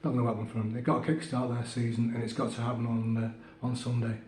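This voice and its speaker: A man co-hosts a relaxed football chat, thoughtful and measured. His voice is warm and mellow. The room is echoey, with faint background noise. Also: mid-range voice. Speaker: co-host. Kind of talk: casual football prediction chat.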